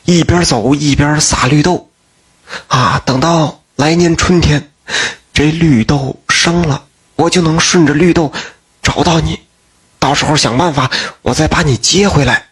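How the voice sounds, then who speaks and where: A man's voice: fairly high pitch, measured pace, a bit bright, breathy edge, exaggerated voice. A man voicing an old landlord father who coaxes and hesitates as he speaks. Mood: secretive. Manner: coaxing, hesitant.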